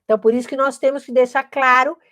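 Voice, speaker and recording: A woman's voice: high voice, steady tone, fast talker, a bit bright, no room sound, studio quality. A woman explains teaching steps in a didactic manner, often checking in with her listeners. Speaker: literacy educator.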